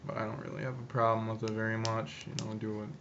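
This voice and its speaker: A man's voice: on the low side, little pitch movement, quick pace, a bit bright. A young man chats casually in slang and swearing, with chewing tobacco in his lip. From upstate New York, United States. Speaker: video co-host. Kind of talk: casual chat and anecdotes. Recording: muffled, noisy amateur video audio.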